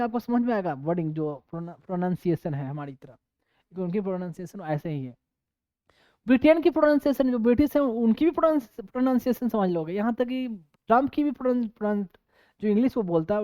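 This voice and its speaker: A man's voice: high voice, animated, fast talker, clear, resonant tone, dry recording. A man teaching an exam coaching class in a casual, digressive lecture style, often mixing in English terms. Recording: dull lo-fi dry recording.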